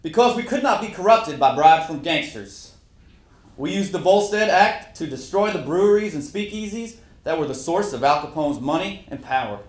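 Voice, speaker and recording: In a first-person historical monologue read aloud at a live reading event, a man plays a famous, proud Prohibition lawman of the 1930s. His fairly high voice is lightly acted as he recites his career in a formal, matter-of-fact way. The indoor room is echoey, as you'd expect from a live stage reading.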